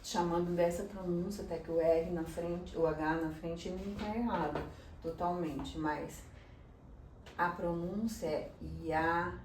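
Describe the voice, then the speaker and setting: A woman slowly explaining Hebrew names, checking in with her listeners as she teaches. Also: on the low side, fairly even intonation, a little mellow, recorded from a distance, a little hiss or hum. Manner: slow, explanatory, often checks in with "tá?". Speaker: religious teacher. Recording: echoey room, voice a bit off-mic.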